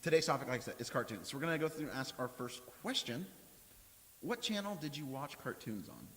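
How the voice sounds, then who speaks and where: A quick, animated man hosting a casual podcast, his pitch bouncing all over as he jokes with his guests. The sound has a long, hollow reverb with faint hiss underneath. He laughs easily and keeps the chat moving. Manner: lively, laughs often, jokey. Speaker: podcast host. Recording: hissy audio with long reverb.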